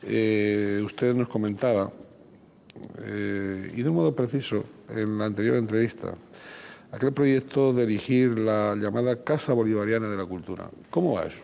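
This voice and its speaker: A male TV interviewer asking questions in a formal, courteous, measured way. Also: fairly low pitch, creaky, mellow, a little hiss or hum. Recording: long hall reverb.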